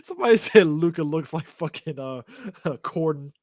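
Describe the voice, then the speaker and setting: A man's voice: fairly high pitch, big pitch swings, normal speed, a little mellow, dry recording, studio quality. A man co-hosting a casual sports podcast, telling stories animatedly and laughing often. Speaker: podcast co-host.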